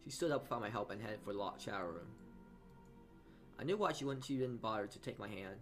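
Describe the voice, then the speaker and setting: Faint music plays behind a fairly low-pitched, animated male voice with a somewhat bright tone. He's a let's-player reading a visual novel, and his delivery stumbles repeatedly while he adds asides of his own.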